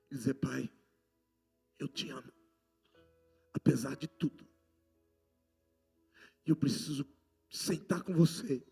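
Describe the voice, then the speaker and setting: A man with a Brazilian Portuguese accent preaching a sermon, passionate and swinging between loud outbursts and hushed lines. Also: medium pitch, vocal fry, slightly rough. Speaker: apostle preaching.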